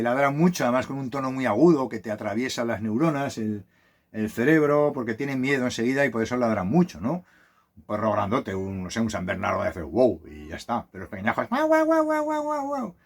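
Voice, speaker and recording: A man's voice: medium pitch, fairly quick. A man who lives on a sailboat tells a casual, rambling story with many restarts, recorded on a phone. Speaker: vlogger living on a sailboat. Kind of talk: casual monologue.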